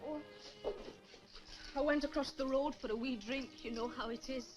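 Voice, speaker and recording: A woman's voice: high voice, steady tone, moderate pace, over music, lightly acted, poor audio. An actress playing a bold, teasing young woman in a 1960s film. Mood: brash. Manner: bold and teasing, sings folk tunes. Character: brash young woman who drinks, spirited and teasing.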